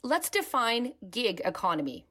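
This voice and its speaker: A woman's voice: fairly high pitch, sing-song, normal speed, fairly bright tone, husky. Woman co-hosting a podcast from a towel-dampened bedroom. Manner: speaking with a towel hung behind to dampen sound. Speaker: podcast co-host, personal finance editor. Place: child's bedroom with clothing rack and towel as makeshift booth.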